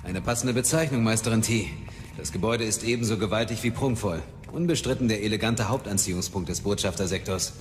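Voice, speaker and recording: A man acts a courteous, florid guide in a German audio drama. He speaks briskly and formally in a lowish voice, wrapped in long reverb. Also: close to an everyday voice. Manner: formal, ornate phrasing. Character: courteous, florid male guide, proud and knowledgeable. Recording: long cavernous reverb, faint music.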